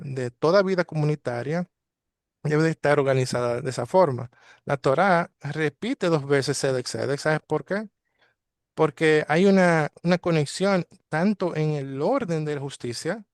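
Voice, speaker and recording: Guy doing torah study, kinda high voice, lots of ums and restarts, dry sound. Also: no room sound. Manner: hesitant, many fillers and restarts. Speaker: congregation teacher. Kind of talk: daily Torah study talk.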